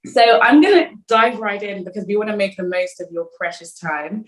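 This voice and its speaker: A woman's voice: mid-range voice, normal speed. A woman from Africa hosting a podcast interview, enthusiastic and gushing as she asks her questions. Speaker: podcast host. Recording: roomy echo.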